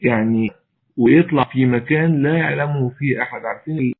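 Egyptian male preacher, earnest exhorting delivery, husky and strained, lo-fi phone-line quality. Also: medium pitch, brisk. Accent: Egyptian Arabic. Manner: mixes formal Arabic with colloquial, earnest and exhorting. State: straining to raise a weak voice. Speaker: preacher answering questions. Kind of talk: religious lesson with Q&A. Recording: tinny phone-like audio.

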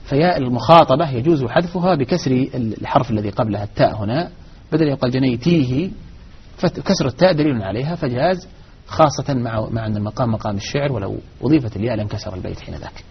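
Quick talking teacher guy, raspy voice, explains grammar step by step, muffled sound. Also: mid-range voice, lively intonation. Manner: measured, explanatory, with frequent restarts. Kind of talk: live lesson answering questions. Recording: dull lo-fi recording.

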